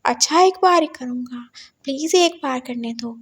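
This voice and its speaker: A woman's voice: sits high, moderate pace, slightly rough. Woman doing a childish drunk young husband. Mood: childish pleading. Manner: whiny, babyish pleading.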